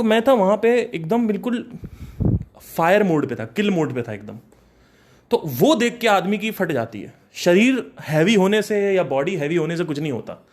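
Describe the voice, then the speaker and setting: Speaking in a high-pitched voice, a young man from Kanpur casually and animatedly recounts a personal story. He mixes in English phrases and laughs between lines.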